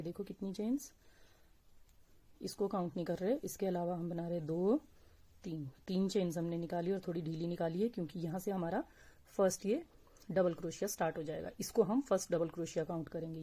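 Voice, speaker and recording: Husky-voiced woman teaching crochet slowly. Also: on the low side, warm tone. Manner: slow, patient, counts stitches aloud. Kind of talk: step-by-step crafting tutorial.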